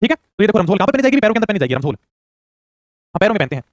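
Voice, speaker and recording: A man teaching a quiz-style exam prep lesson, firing off questions and urging quick answers. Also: sits high, sing-song, no echo, clean studio sound. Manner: rapid-fire, urging answers fast.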